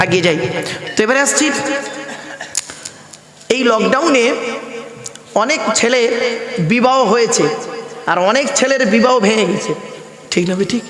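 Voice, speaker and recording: Casting: male preacher, high pitch, asks questions, PA mic in an echoey pandal. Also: fairly bright tone. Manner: call-and-response, rhetorical questions. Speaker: Islamic preacher. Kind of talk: waz sermon to a gathering. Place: outdoor sermon pandal over loudspeakers. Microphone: handheld PA microphone. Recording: echoey hall, long reverb.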